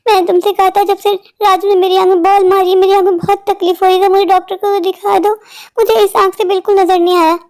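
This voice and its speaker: In a cartoon, a woman voices a frail, neglected old mother who wearily pleads for care. The voice is pitched very high and sounds tired and complaining. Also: little pitch movement, fast, a little mellow. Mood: weary pleading. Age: older. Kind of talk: animated cartoon voice acting.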